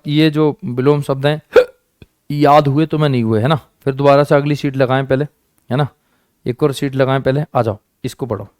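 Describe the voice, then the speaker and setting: A man's voice: medium pitch, a little mellow, clean tone, dry recording, clean studio sound. A man teaching an online exam-prep class, coaxing his students, repeating each question and answer and calling them friends and children. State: sore hand, says it hurts.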